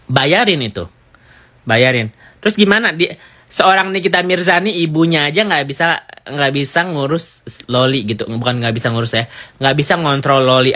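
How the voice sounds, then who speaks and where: Chatty gossip host, man, bright tone, rambling, mid pitch. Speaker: gossip commentator. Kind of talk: casual gossip commentary.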